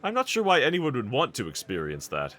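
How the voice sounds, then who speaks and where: Playing a demon-slaying anime swordsman, a man delivers formal, polite lines addressed to a trusted companion in an audio roleplay, and the character is bold yet earnest and reassuring. He speaks a little fast in a bright voice with a very lively pitch. The mood is curious and puzzled.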